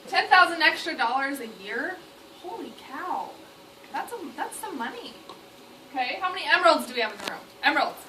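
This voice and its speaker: A woman presenting to a live audience at a sales event, energetic and rallying, checking in with "okay?" again and again. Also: high-pitched, fast. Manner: energetic, rallying the crowd, keeps asking "okay?". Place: indoor meeting room with an audience. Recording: echoey room, distant mic, noisy.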